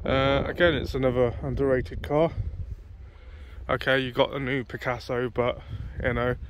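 Out on a grassy car show field, a British man records casual vlog commentary on a handheld phone, sounding chatty and matey as he improvises. He has a mid-range voice with little pitch movement and talks at normal speed.

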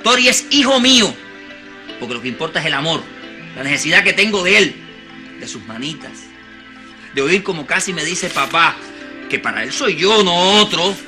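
A man's voice: on the high side, very animated, normal speed, pauses often, pushed and bright, faint music behind, exaggerated voice. An actor with a Cuban accent playing a stubborn, emotional stepfather who pleads and stammers. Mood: heartfelt. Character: stubborn, wounded, devoted stepfather. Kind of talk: telenovela acting.

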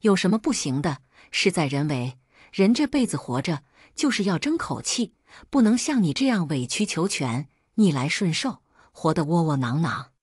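A woman doing a brave young servant man, earnest and urging, husky voice, lively rise and fall, dry close sound. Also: low voice, normal speed, no room sound, heavily acted.

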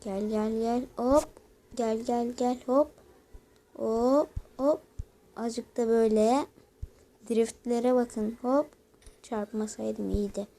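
A woman giving mobile gameplay commentary, excitable and talking to her viewers while she plays. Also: a little high, slow, pauses often. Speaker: gaming channel host.

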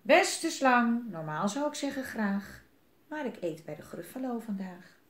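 A woman's voice: fairly high pitch, sing-song, measured pace. A woman voicing a small, clever, boastful mouse in a children's storybook reading, with a cheeky, self-assured manner. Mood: cocky. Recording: roomy echo.

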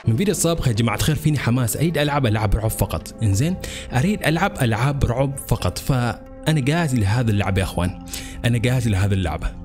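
Jumpy, fast-talking gaming host, man. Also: mid-range voice, music in the background, a crowd in the background. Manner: jumpy, excitable, nervous exclamations. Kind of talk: horror game commentary.

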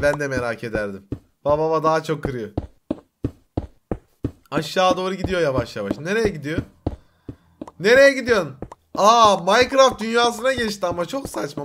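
A young man with a Turkish accent giving an excited reaction commentary, with loud exclamations, laughs and teasing slang. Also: fairly high pitch, background noise. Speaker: YouTuber reacting to an animation.

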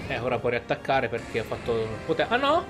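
A man's voice: mid-range voice, steady tone, brisk. Man commentating gameplay over music. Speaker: gaming video host. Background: game music.

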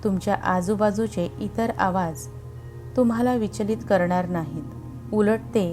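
A woman leads a guided meditation in a mellow, relaxed voice of middle pitch. She speaks very slowly and soothingly, leaving long, calm pauses between short phrases. Music plays behind her. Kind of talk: slow guided meditation narration. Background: background music.

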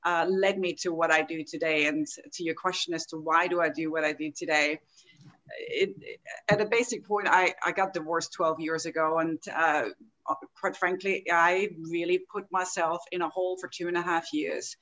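Woman, lower voice. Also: steady tone, normal speed, fairly bright tone, muffled recording. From Austria. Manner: earnest, open storytelling. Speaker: guest, health coaching founder. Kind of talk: podcast interview over video call. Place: home room at a desk. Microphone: laptop video call.

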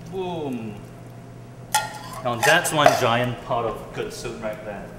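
The speaker, a young adult man from Singapore, is a cooking-show host who chats hesitantly and casually, saying um a lot while cooking in a large indoor kitchen. He has a medium pitch and an animated delivery but a slow pace. Recorded by a distant camera, the sound is roomy and very noisy.

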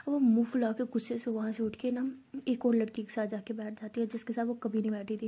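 Fast breathy woman storyteller. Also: fairly high pitch, dark tone. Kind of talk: whispered storytelling.

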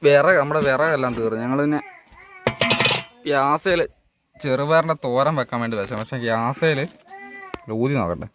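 A man's voice: medium pitch, moderate pace, long pauses, background noise. A man talking casually to his vlog viewers at home, rambling and searching for words as he goes. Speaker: family vlogger. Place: at home, partly outdoors.

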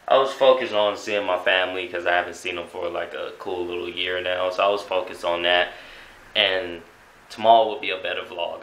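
A young man with a deep, bright voice and a forceful tone talks loosely in slang, laughing often, in a casual road-trip vlog. He holds the camera at arm's length while in a car, at a gas station and on city streets outdoors. The low-quality recording carries street and car noise in the background.

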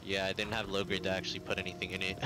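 Low-voiced man on noisy game chat. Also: little pitch movement, rapid-fire. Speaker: gamer on voice chat. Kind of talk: casual team game chat.

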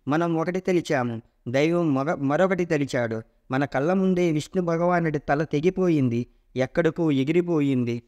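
A wise old creator god from a myth retelling, steady and authoritative as he consoles, read by a man with a fairly high voice. He lays out fate with measured calm. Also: highs cut off, natural voice. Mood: consoling.

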